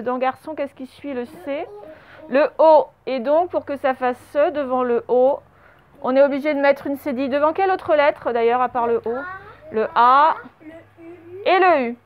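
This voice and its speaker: A woman teaching young children a spelling and dictation lesson, speaking slowly and patiently and spelling words out letter by letter. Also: high voice. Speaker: primary school teacher. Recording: slightly dull, lo-fi home recording.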